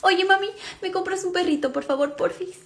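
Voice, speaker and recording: A woman's voice: extremely high pitch, fairly quick. A woman playing a whiny little girl. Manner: pleading, sulky. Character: whiny little girl asking her mom for things. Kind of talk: comedy sketch acting.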